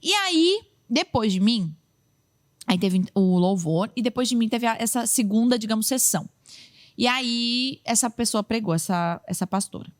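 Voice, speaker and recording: Young brazilian woman preacher chatting on a podcast, highish voice, acts out people in her story. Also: normal speed. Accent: Brazilian Portuguese. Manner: lively, acts out what others said. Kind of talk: casual storytelling chat.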